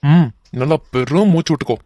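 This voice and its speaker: A man's voice: on the high side, a little fast, dark tone, no room sound, muffled recording, natural voice. A man voicing a hot-tempered young man who mocks and threatens a crook, with a Kanyakumari Tamil accent, in a cartoon. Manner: threatening, mocking.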